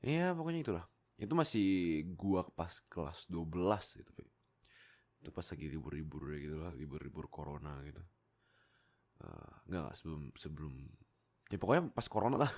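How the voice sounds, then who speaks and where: He has a deep voice and talks fairly quickly, a young Indonesian YouTuber and amateur voice actor speaking close to a USB mic. His unscripted stories about himself are rambling, excited and exclamatory, punctuated by frequent giggles.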